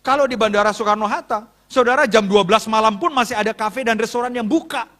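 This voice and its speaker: A man's voice: sits high, fast. A male pastor preaching with humor, acting out dialogue as he tells a story to his congregation. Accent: Indonesian. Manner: animated, acts out dialogue, jokes with congregation. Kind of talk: sermon storytelling. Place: church hall.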